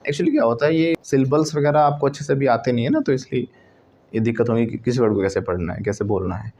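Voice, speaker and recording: A male teacher with an Indian accent giving a classroom lesson, mixing Hindi and English and repeating words slowly for students to copy. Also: mid-range voice, warm tone.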